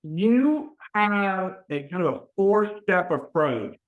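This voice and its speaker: A man hosting an interview, asking questions in a measured way and thinking aloud as he goes. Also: high-pitched, animated, narrow, tinny audio. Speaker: podcast host. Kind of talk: conversational interview.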